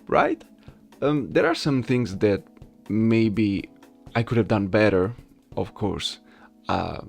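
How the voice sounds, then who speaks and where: A man with a lowish, gravelly voice, an amateur voice actor and video host, chats casually with viewers. He's self-deprecating, repeats himself, and checks in with little tag questions.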